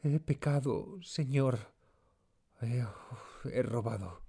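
A man voicing a distressed young palace maid who tearfully confesses in a pleading, rushed way. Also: a little high, lively intonation, dark tone, voice pushed up, full character voice.

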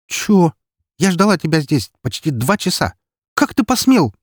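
A man voicing an arrogant, furious young elf woman, hissing and shouting in a raised voice. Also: fairly high pitch, lively intonation, brisk, slightly rough, dry recording, studio quality, pitched above the performer's own voice. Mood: outraged.

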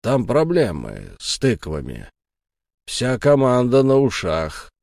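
A man doing a hoarse, mocking village lad. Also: wildly swooping pitch, takes it slowly, darkish tone, no echo, clean studio sound, exaggerated voice. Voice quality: hoarse bass. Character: cheeky young village lad with a hoarse bass.

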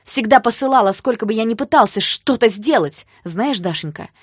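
A woman's voice: fairly high pitch, animated, brisk, husky, no echo, voice pushed up. Woman reading as a scornful hot-headed young man, audiobook dialogue, biting tone, dry close sound. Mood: angry. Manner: heated, biting delivery.

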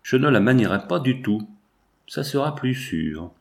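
A man voicing a shrewd, persuasive man in an audiobook, speaking in a measured, calculating way. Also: medium pitch, big pitch swings, creaky.

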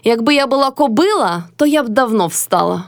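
A quarrelsome young peasant wife with a sharp, mocking tongue, put on by a woman reading the tale. Her voice sits high and cutting, recorded dry and close with no room around it. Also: animated, fairly quick, dry recording.

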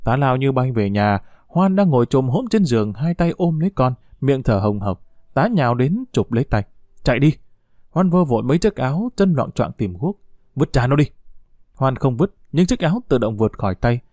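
A man reading a war novel aloud as an audiobook narrator, with expressive, dramatic delivery. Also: medium pitch, brisk, dry recording, studio quality.

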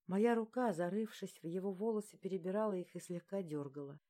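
A woman narrating a first-person romance audiobook in a soft, even storytelling voice. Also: medium pitch, a little fast.

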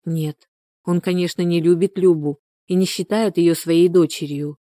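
A woman narrating a novel in an even, measured storytelling manner, close to the mic. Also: fairly low pitch, no room sound. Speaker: audiobook reader.

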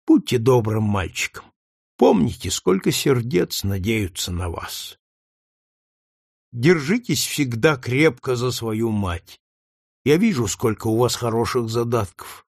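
A man voicing a meek, devout older man who speaks softly, slowly and tenderly in an audiobook reading. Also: mid-range voice, creaky, breathy edge, no room sound, studio quality, exaggerated voice. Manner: soft, slow, tender speech.

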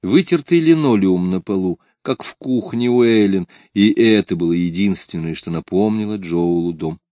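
A man narrates a novel in a measured, even reading voice. His pitch sits on the low side. The recording is dry and close, with no room sound. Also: dry recording. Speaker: audiobook narrator. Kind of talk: scripted narration.

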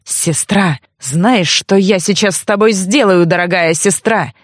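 A woman's voice: medium pitch, measured pace, no echo, studio quality, close to an everyday voice. A woman voicing an angry, suspicious young nobleman who barks harsh threats. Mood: furious.

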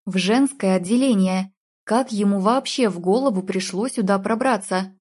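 A woman reads an audiobook chapter in the first person, in a mellow, warm voice of middle pitch. Her reading is emotional and dramatic. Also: normal speed, breathy edge. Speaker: audiobook narrator.

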